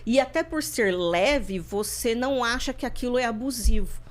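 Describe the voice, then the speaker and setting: Brazilian woman on a podcast, thoughtful, keeps restarting words, talks it through slowly. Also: on the high side. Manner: reflective, repeats and restarts words. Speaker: podcast guest, therapist. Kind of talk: personal interview talk.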